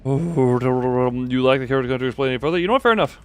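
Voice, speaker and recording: Talking fast in a medium-pitched voice, a man gives wry, rambling live commentary as he streams a video game, addressing both himself and chat and frequently repeating phrases. Slight background noise is audible.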